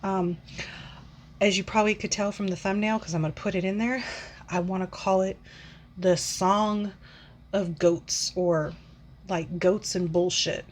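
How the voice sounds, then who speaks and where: A woman's voice: medium pitch, fairly even intonation, a little slow, pauses often, slight background noise. Rambling, profane woman in her forties. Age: 40s. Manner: rambling, profane, frequent sighs and fillers. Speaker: book vlogger. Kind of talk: casual rant.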